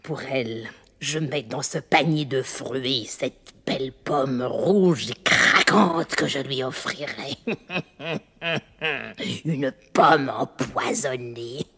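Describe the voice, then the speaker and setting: Brief: gravelly, husky old witch, slow and sly, soft music under. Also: rumbling low, heavily acted. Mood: gloating. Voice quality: creaky, husky old crone voice. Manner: sly, wheedling, cackling. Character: wicked queen turned cackling old witch. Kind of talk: storybook record acting.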